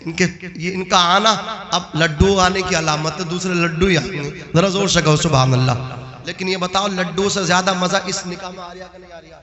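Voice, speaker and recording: A man preaching a sermon in a melodic, chanting delivery that climbs into shouts, calling out to his listeners for responses. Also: sits high, fairly even intonation, lo-fi sound, a crowd in the background. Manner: calls out to the audience for responses. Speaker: Islamic preacher.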